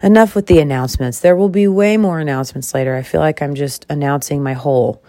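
A podcast host in her mid-thirties talks quickly and candidly about a personal decision, delivering a sassy monologue full of expressive, dramatic leaps in pitch. The sound is clean studio audio with no room echo.

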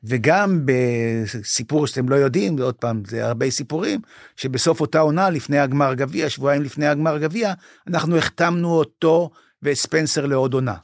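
A man's voice: a little high, dry recording, clean studio sound. An older man, a former basketball club manager, telling stories in an interview, acting out quoted dialogue and getting moved as he goes. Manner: animated storyteller, acts out quoted dialogue; emotional, says he is moved. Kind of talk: storytelling in a podcast interview.

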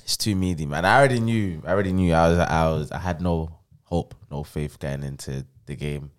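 A man's voice: rumbling low, a little fast, clear, resonant tone. A young man with a London roadman accent, grumbling and repeating himself in slangy football chat as a podcast co-host. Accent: London, urban street slang style (roadman).

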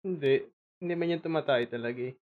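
A young Filipino man on a podcast, deadpan and self-mocking with his friends. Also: fairly high pitch, fast, narrow, tinny audio, over a noisy crowd. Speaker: podcast co-host. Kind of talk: casual chat.

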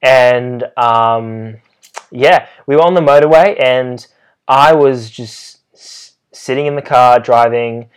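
A young man with an Australian accent, co-hosting a casual podcast chat and telling driving stories with animated, acted-out quotes. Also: medium pitch, slow, clean tone. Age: young adult. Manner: animated storytelling, acts out quotes. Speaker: podcast co-host.

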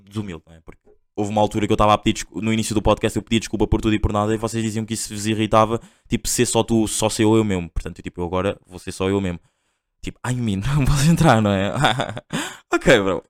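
A young man with a European Portuguese accent hosts a podcast, speaking in a low, clear, resonant voice. He tells a story in a casual, rambling monologue full of slang, fillers and restarts.

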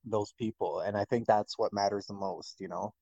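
Lowish guy agreeing a lot, dry close sound. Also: fairly even intonation, moderate pace, gravelly, dark tone, breathy edge, dry recording, muffled recording. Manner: agreeable, brief affirmations. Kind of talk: casual conversation.

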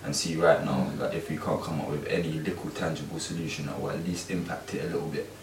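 A man with a London accent talks casually and quickly in emphatic street slang, much like the youth mentor and course teacher he is. His voice sits extremely low and his delivery is flat. Soft music plays behind him, and the roomy recording has a distant mic and faint background noise.

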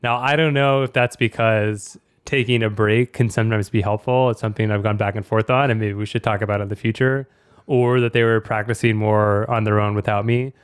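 A man's voice: on the low side, fairly even intonation, brisk, clear, resonant tone, no room sound, studio quality. A man hosting a podcast in a casual, fluent, talkative way. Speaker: podcast host.

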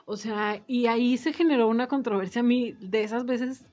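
A woman is a guest on a talk show. Her voice is somewhat high. She explains things in a chatty way, and the recording sounds slightly dull. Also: normal speed, darkish tone. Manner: explanatory, conversational. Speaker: guest, social media adviser. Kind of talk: casual interview talk.

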